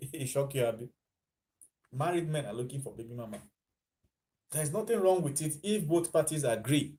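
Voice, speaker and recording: A Nigerian vlogger speaks at normal speed in an animated, higher-pitched voice with a dark tone, pausing often. His relaxed commentary is talkative and laced with Pidgin, and he laughs at his own lines.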